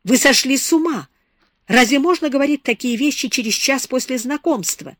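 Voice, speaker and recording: A woman's voice: on the high side, animated, normal speed, a bit bright, no echo, clean studio sound, voice pushed up. A woman reading an audiobook, voicing a proud young aristocratic woman who speaks with emotional indignation. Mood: indignant.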